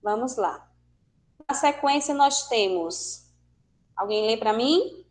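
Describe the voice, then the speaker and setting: A woman's voice: fairly high pitch, animated, takes it slowly. A woman teacher with a Brazilian accent, explaining a language lesson patiently and asking her students questions. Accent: Brazilian Portuguese. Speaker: Spanish teacher. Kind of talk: online class lesson.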